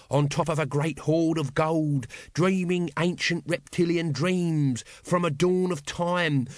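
Man doing a grubby shifty watchman, sly and sulky, pitched up. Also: no echo, clean studio sound. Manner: sly, sullen, mock-portentous.

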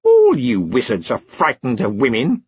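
A male narrator voicing a cold, seductive female elf queen in an audiobook, speaking slowly and insinuatingly with a husky voice. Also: mid-range voice, wildly swooping pitch, darkish tone, full character voice. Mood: menacing. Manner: slow, insinuating and menacing. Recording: slightly dull, muffled recording.

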